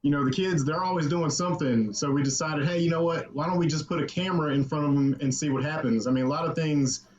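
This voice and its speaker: Male guest on a video call, fast and easygoing, dull call audio. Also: on the high side. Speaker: guest, family vlogger.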